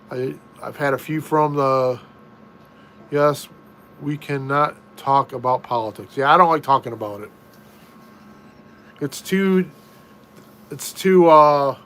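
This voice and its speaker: A man's voice: fairly high pitch, a bit bright, slight background noise. A middle-aged American man hosting a casual live stream from a room at home, reading viewer comments in an easygoing way and often restarting his sentences. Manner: easygoing, slow, repeats himself and restarts.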